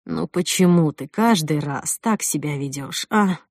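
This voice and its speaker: A woman reading an audiobook voices a calm, condescending husband who coaxes his wife like a child. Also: on the high side, measured pace, breathy edge, no echo, clean studio sound, pitched below the performer's own voice, heavily acted. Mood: weary. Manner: soft, patronizing coaxing.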